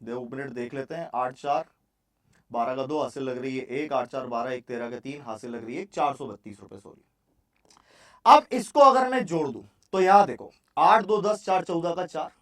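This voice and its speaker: A man's voice: high voice, distant mic. A man teaching a maths class for exam preparation. He works through sums step by step and asks and answers his own questions. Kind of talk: exam-prep maths lesson.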